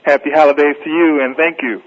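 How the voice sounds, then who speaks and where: A man's voice: fairly high pitch, fairly even intonation, fast talker. A man calling into a radio interview as a guest from a store lobby, friendly and upbeat. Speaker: guest, franchise owner. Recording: dull lo-fi phone call.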